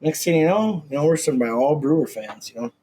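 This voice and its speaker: A Minnesota man in his twenties co-hosts a casual sports podcast, talking brashly and quickly with lots of fillers and swearing. His voice is a little high, animated, and dark-toned, with a breathy edge and slight scratchiness.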